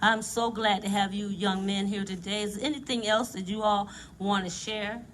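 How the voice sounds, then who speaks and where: A woman's voice: medium pitch, steady tone, moderate pace, fairly bright tone, a little hiss or hum, rough recording. A woman hosting a talk show, chatting easily with her guests. Her grammar is folksy and informal, and her tone is casual.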